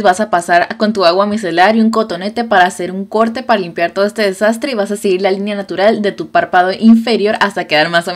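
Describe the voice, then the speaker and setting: Chatty woman teaching makeup. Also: medium pitch. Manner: chatty and playful, with teasing asides. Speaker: makeup artist. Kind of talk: casual makeup tutorial narration.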